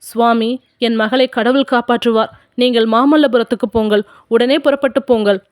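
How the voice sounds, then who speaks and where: A woman's voice: a little high, steady tone, moderate pace, no room sound, clean studio sound, close to an everyday voice. A woman voicing an anguished old sculptor. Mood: grieving. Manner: pleading, crying out. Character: anguished old male sculptor, desperate father.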